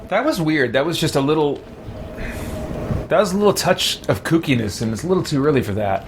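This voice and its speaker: A man's voice: fairly high pitch, expressive, brisk, a little hiss or hum. A man hosting a let's play with casual, joking gaming commentary.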